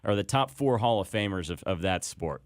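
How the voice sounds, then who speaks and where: A sports radio host with a low, steady voice asks the guest questions and reads event details in a plain, conversational way. The studio sound is dry and close. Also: male voice, normal speed, no echo. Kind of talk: radio interview.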